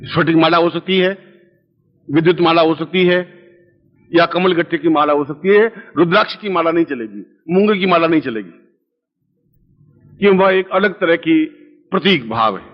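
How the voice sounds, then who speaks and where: A man's voice: fairly high pitch, normal speed, long pauses. A man leading a spiritual discourse as a guru, dictating a mantra syllable by syllable and chanting the syllables aloud for listeners to repeat. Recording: dull lo-fi recording with long hall reverb.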